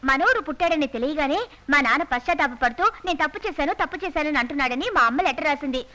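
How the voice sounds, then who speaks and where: A worried young wife in a film drama, voiced by a woman. She speaks high and fast with an anxious, pleading tone. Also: noisy background, natural voice. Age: young adult. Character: worried young wife estranged from her father. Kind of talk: dubbed film acting.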